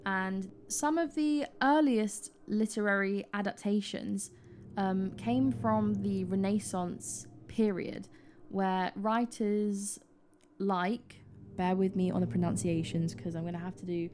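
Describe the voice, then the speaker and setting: A woman's voice: medium pitch, slow pace, darkish tone. A British woman in her twenties co-hosting a podcast, chatty and self-deprecating. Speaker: podcast co-host. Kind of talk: casual chat. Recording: noisy background.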